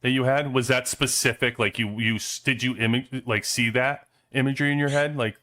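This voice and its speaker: A man hosting a casual interview, asking halting questions full of fillers and restarts. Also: medium pitch, steady tone, bright, forceful tone. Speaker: podcast host.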